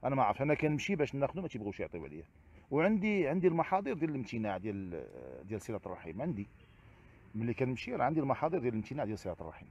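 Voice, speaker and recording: A man with a Moroccan Arabic accent, answering interview questions as a father, halting and repeating the same phrases. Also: mid-range voice, sing-song, a little mellow, slightly rough, highs cut off. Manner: repetitive, halting, keeps circling back to set phrases. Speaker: interview guest, father seeking custody.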